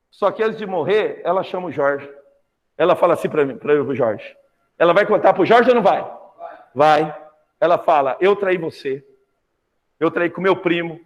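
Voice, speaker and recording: A man with a Brazilian Portuguese accent teaching a literature lesson, retelling a novel and acting out the characters' lines. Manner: lively, acts out characters' lines with big pitch jumps. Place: classroom. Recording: long reverb.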